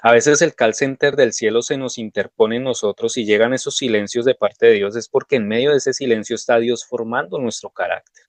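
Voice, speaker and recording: A man delivers a devotional sermon, sharing personal stories in a conversational, anecdotal way. His mid-range voice moves briskly, with no echo.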